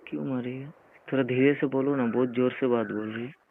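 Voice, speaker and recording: A man's voice: mid-range voice, fairly even intonation, fairly quick, gravelly. Young man teasing on a tinny phone line. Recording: tinny phone call recording with faint hiss.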